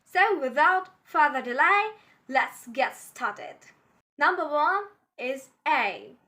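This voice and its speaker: Female pronunciation teacher, unhurried drill delivery, bright clear tone, speaks straight to viewers. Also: sits high, expressive. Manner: repeats model words slowly for drilling; addresses viewers directly with instructions. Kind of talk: pronunciation lesson.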